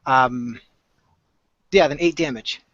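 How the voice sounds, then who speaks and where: A man with a medium-pitched, slightly bright voice speaks slowly while playing a casual tabletop game, rambling and joking as he declares his moves. The recording is dry and dull lo-fi, with no echo.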